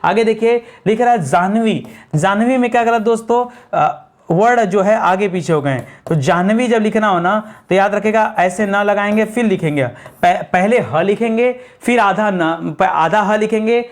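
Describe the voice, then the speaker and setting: Male tutor, exam-prep lecture, call-and-response drilling, slow letter-by-letter spelling. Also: sits high. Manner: drills students with repeated questions and answers; slows down to spell words out letter by letter. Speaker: Hindi grammar teacher.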